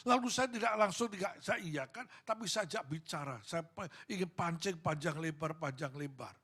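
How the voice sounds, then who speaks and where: A man's voice: a little high, moderate pace, fairly bright tone, slightly rough. A middle-aged male pastor with a Javanese accent, preaching at a church service and telling stories of phone calls he received. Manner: storytelling, acting out phone calls. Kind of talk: sermon with storytelling.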